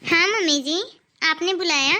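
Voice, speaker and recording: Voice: very high-pitched, normal speed, over loud music, voice pushed down. Meek young daughter-in-law voiced by a performer. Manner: polite, obedient.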